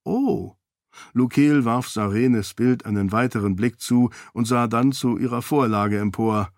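A man narrating a story in a steady, even storytelling manner. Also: mid-range voice, normal speed, dry recording, clean studio sound. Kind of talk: audiobook narration.

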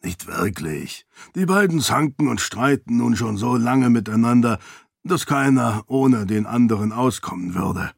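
A man voicing a stout, shrewd older uncle in an audiobook, with a deep, raspy voice and a wry way of explaining. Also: expressive, unhurried, dry recording, clean studio sound, heavily acted.

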